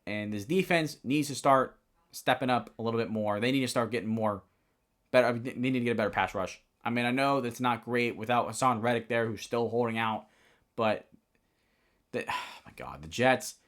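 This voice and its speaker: A man's voice: medium pitch, brisk, fairly bright tone. Rambling young man recapping football. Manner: rambling, self-correcting, opinionated. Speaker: sports podcast host. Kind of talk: casual solo football recap.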